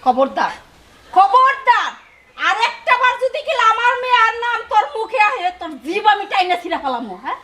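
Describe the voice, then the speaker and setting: An actress playing a domineering, taunting middle-aged mother-in-law in a village family drama, with a shrill, scolding way of talking. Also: animated, fast, hardly any pauses, sharp tone, full character voice. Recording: noisy background.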